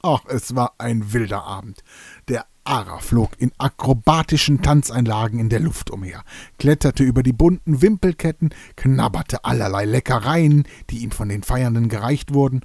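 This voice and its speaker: A man narrating a children's storybook tale in an animated, playful way. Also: mid-range voice, normal speed, breathy edge, no echo, studio quality.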